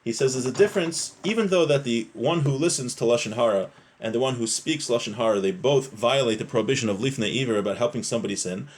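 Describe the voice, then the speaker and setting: A man with a medium-pitched voice gives a religious law lesson at a quick pace. He reads passages aloud, then explains them plainly, rephrasing points and asking his listeners short questions.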